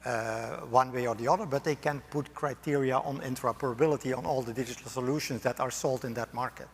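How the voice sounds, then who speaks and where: A man's voice: mid-range voice, steady tone, quick pace, slight background noise. A man speaking as a conference panelist, thoughtful and hedging his points. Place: conference hall. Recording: reverberant conference hall.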